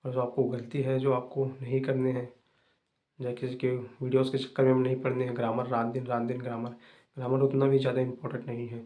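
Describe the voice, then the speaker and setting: A young man hosting an English-learning channel, giving fast, repetitive, casual advice to viewers. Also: mid-range voice, completely flat delivery, phone-quality sound.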